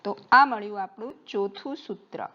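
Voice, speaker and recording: A woman's voice: medium pitch, moderate pace, pushed and bright, dull audio. A woman teaching a math lesson, patiently spelling out terms letter by letter as she writes on the board.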